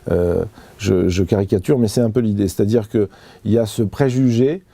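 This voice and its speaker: A man's voice: lowish voice, moderate pace, vocal fry, warm tone. A man being interviewed, giving an earnest personal account with many hesitations and restarts. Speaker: interview guest.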